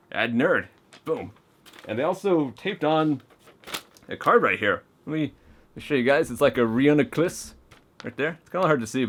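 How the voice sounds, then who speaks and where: On camera, a man with a mid-range voice opens fan mail in a relaxed way and reads it aloud. He gets excitable and talkative, sometimes tripping over his words.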